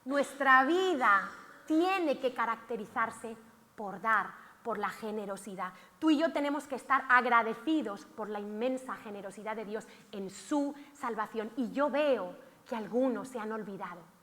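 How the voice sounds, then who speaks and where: High bright woman preaching a sermon. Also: lively intonation, a little slow. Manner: theatrical, shouts out acted cries of the lepers. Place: church hall. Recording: long hall reverb.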